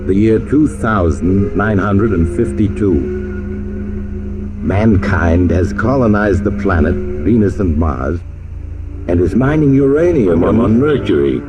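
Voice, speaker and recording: An actor playing an enigmatic traveler, narrating eerie radio tales in an ominous, measured, theatrical manner. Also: male voice, deep voice, low-quality recording. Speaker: host and narrator.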